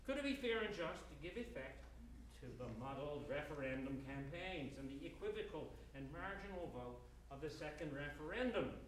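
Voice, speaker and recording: A man playing an impassioned courtroom lawyer in a dramatic reading, with theatrical, hammy oratory, emphatic repetition and weighty pauses. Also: on the high side, lively intonation, lightly acted. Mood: impassioned, grave. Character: impassioned male lawyer pleading to a judge in court. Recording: echoey room, distant mic, faint noise.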